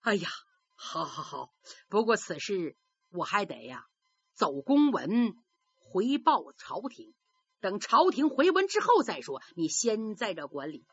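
Woman doing male magistrate, measured, commanding, dry slightly dull sound. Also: mid-range voice, sing-song, fairly bright tone, husky, no echo, heavily acted. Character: male magistrate, calm and authoritative.

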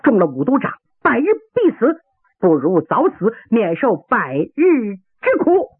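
A storyteller acting out a vengeful swordsman bent on avenging his junior brother, crying out with raw passion. The pitch leaps widely and the voice is husky. It sounds tinny, like an old radio line. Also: huge pitch swings, measured pace, no echo, full character voice. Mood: despairing. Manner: impassioned, lamenting. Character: vengeful wounded martial-arts fighter, adult man. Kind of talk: traditional storytelling character voice. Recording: tinny dry radio broadcast.

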